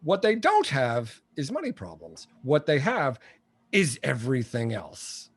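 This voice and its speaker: A man's voice: medium pitch, huge pitch swings, unhurried, husky. A man in his sixties, a guest entrepreneur and coach, talking bluntly and telling jokey stories in a casual interview. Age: 60s. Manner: blunt, joking storyteller.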